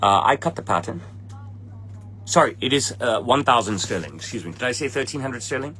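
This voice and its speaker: With a bright, forceful, mid-range voice, this expressive tailor in his forties talks a little fast as he answers his livestream viewers. He speaks Hong Kong English and is blunt and impatient, swearing at commenters. He's in an indoor room with trophies at his back.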